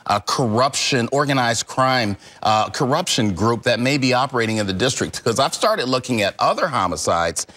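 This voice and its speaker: A middle-aged man and former homicide detective, answering questions as a guest on a TV news show in a measured, emphatic way. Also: mid-range voice, lively intonation, sharp tone. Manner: measured, emphatic, repeats key words. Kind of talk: TV news interview. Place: TV studio.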